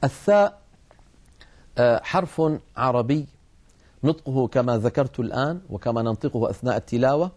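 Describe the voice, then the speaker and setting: Mellow-voiced man teaching letter sounds. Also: mid-range voice, fairly quick. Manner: methodical, demonstrates letter sounds aloud. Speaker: Quran recitation teacher. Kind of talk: recorded lesson with slides.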